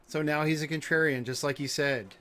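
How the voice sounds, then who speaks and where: A man's voice: on the high side, steady tone, brisk, pushed and bright. A man chatting casually as he streams a video game and reacts to it. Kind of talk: casual gameplay stream chat. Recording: game music behind the voice. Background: video game music.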